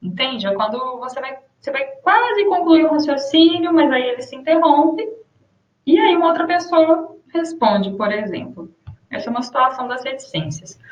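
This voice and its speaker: Young Brazilian woman, grammar teacher, high-ish voice, lo-fi echoey take. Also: lively intonation. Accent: Brazilian Portuguese. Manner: explains with spoken examples, slows to dictate punctuation. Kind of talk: grammar lesson. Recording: roomy muffled lo-fi room sound.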